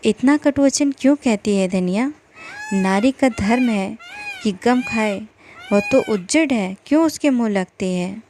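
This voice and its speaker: A woman's voice: fairly high pitch, lively intonation, a little slow, darkish tone, slight background noise. A woman narrator voicing a pious older village man who lectures reproachfully. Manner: reproachful, moralizing.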